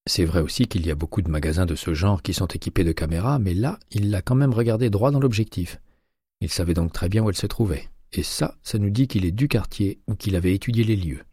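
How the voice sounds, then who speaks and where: A man reading an audiobook, voicing a sharp, persistent retired male FBI agent who presses with insistent questions. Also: deep voice, brisk, slightly rough, no room sound, clean studio sound. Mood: assured.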